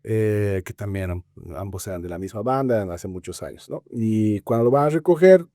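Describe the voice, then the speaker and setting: On a film criticism podcast, a male co-host with a Bolivian Spanish accent chats conversationally, halting as he searches for words and leaning on frequent filler tags. His voice is fairly low and mellow, recorded dry with studio quality.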